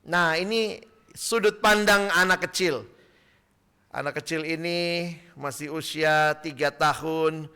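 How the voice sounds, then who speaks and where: A male pastor preaching a sermon, telling a story with lively acted-out voices. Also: fairly high pitch, slow, clean tone. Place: church.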